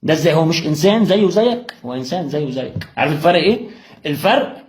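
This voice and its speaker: A man's voice: on the high side, expressive, very fast. A young man with an Egyptian accent gives an impassioned motivational religious talk, firing rhetorical questions straight at the listener. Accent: Egyptian Arabic. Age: young adult.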